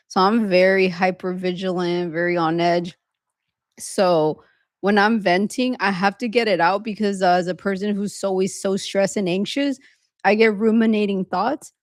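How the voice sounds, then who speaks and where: A woman in her thirties co-hosting a podcast, talking casually in long, quick run-on stretches with few pauses. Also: medium pitch, dry recording, clean studio sound. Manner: fast, run-on venting talk with few pauses. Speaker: podcast co-host. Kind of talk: casual conversation.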